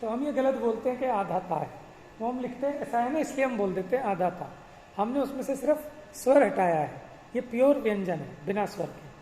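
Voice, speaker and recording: A man's voice: sits high, lively intonation, dark tone, a little hiss or hum. Man teaching scripture in echoey hall. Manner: asks rhetorical questions, chants verses slowly. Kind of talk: explanatory religious class lecture.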